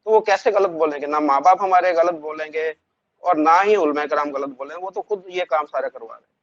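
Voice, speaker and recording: A man's voice: fairly high pitch, a bit bright, dry recording, muffled recording. Earnest man. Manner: earnest, measured, frequent hesitations. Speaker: guest from Pakistan. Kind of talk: conversational discussion.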